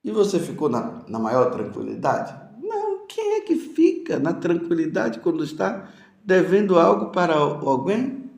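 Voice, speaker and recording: Brief: priest, homily, gravelly voice, lively pitch, asks the congregation questions. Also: male voice, measured pace, echoey room. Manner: preaching with rhetorical questions, addressing listeners directly.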